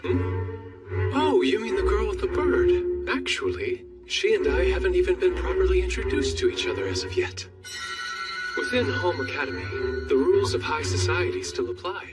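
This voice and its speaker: A man's voice: high voice, very animated, normal speed. A man playing a polished, wry young prince in a dramatic English anime dub. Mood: measured, explaining. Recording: distant sound under loud music.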